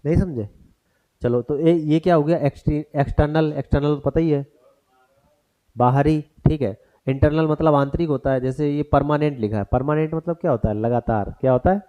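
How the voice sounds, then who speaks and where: A man's voice: fairly high pitch, moderate pace, dark tone. A man teaching a grammar lesson for exam prep, who turns each point into a question for the class and mixes English terms into his explanation.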